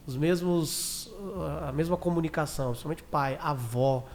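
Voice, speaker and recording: A man with a slightly high voice hosting a casual podcast. He talks informally and likes to joke, and his questions come out halting, with many restarts. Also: a little mellow, a little hiss or hum. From Brazil. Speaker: podcast host. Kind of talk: casual interview chat.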